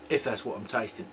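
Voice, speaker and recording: Casting: man, homebrew vlogger, rambling and jokey, mid-pitched voice, faint hiss behind. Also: a bit bright. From England. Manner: rambling, joking, throat-clearing. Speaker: homebrew video host. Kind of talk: casual homebrew tasting chat.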